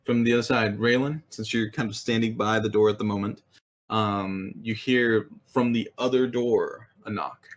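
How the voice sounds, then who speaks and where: A man runs a tabletop game in a lowish voice. He narrates with frequent pauses and ums as he lays out the scene. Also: steady tone. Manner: hesitant, many ums and uhs. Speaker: game master.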